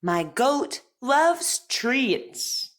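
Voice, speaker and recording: A woman playing a speech teacher leads an articulation exercise, carefully over-enunciating practice lines in an encouraging, deliberate style. Her voice sits high, with a sing-song lilt and a slightly bright quality.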